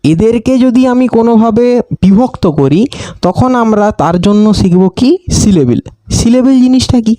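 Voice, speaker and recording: A man teaching a grammar lesson, asking questions and answering them himself and repeating definitions slowly. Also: high voice, animated, dark tone, no room sound.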